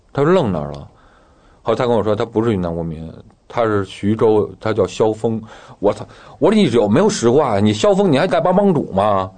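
A man's voice: mid-range voice, a little mellow. A man telling his own story in casual talk, acting out the dialogue as he goes, with guitar music behind him.

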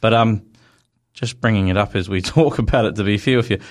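A man's voice: fairly low pitch, fairly quick. A man with a broad Kiwi accent hosting a casual motorsport chat in a blokey, slangy, mildly sweary way. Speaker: motorsport show host.

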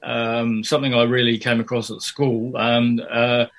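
An older man from Fiji and New Zealand speaks in a mid-range voice at a moderate pace during a radio interview about his life as a poet. His delivery is flat and even, with little rise and fall, and he hesitates a lot, full of fillers and false starts.

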